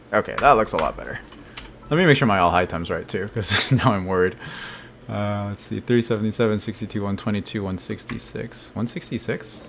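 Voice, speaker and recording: A man's voice: fairly low pitch, creaky, a bit bright, slight background noise. A man streaming a game, thinking aloud casually and answering chat questions. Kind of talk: live gameplay commentary.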